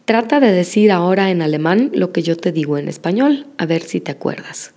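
A woman teaching a language lesson, modeling words slowly and praising the listener after each repetition. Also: lowish voice, animated, mellow. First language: Spanish. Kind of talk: slow, patient language lesson with repetition drills.

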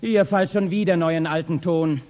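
An actor playing a bold, teasing young kitchen boy in a 1960s radio play, speaking classic verse with lively mockery. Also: a little high, fairly quick, background noise, natural voice. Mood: shouting. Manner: lively, mocking, bursts into loud shouting.

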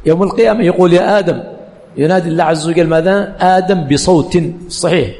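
A man's voice: high-pitched, fast, mellow, big-room sound. A male religious teacher giving a classroom lecture, quizzing the students with questions that he answers himself and repeating key phrases.

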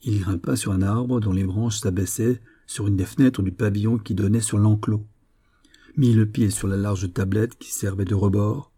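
A man narrating an audiobook story in a measured, expressive way. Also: on the low side, breathy edge.

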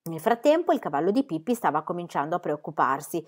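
A woman reading a children's book aloud with lively, expressive narration. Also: on the low side, fast talker.

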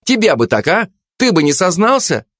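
A man voicing a brash, domineering female police investigator with a loud, scolding manner in an audiobook. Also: high-pitched, sing-song, moderate pace, no echo, studio quality, pitched above the performer's own voice, full character voice. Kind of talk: audiobook character voice.

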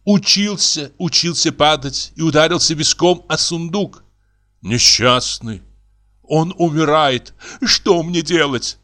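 A man's voice: fairly high pitch, slow, pushed and bright, pitched above the performer's own voice. A man voicing an anxious young actor's wife who pleads fretfully in an audiobook reading. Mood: pleading.

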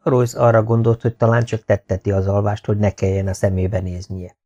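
A man reading a novel aloud as an audiobook narrator, in a steady, even manner. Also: fairly low pitch, lo-fi sound. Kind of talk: scripted narration.

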